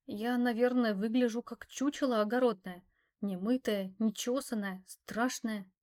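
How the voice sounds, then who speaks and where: A woman narrating a first-person novel, expressive and wry. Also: fairly high pitch, a little slow. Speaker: audiobook narrator.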